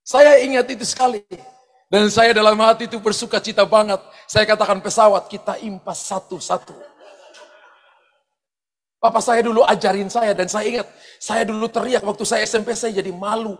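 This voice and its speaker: A pastor telling personal stories in a sermon, animated, often shouting out quoted lines and laughing as he goes. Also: high-pitched, fairly quick. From eastern Indonesia. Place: large church hall. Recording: long hall reverb from church sound system.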